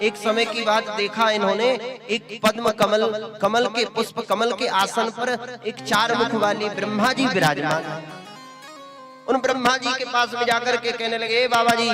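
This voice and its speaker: High-voiced man telling a devotional story. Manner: acts out story voices with lively pitch swings. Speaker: religious storyteller. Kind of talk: devotional scripture discourse. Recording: live discourse with instrumental music behind. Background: instrumental music.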